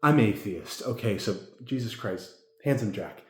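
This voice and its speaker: A man's voice: lowish voice, expressive, normal speed, darkish tone. A man giving a casual movie review in tipsy, rambling drunk talk, emphatic, repeating himself and swearing. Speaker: amateur film reviewer. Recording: echoey room.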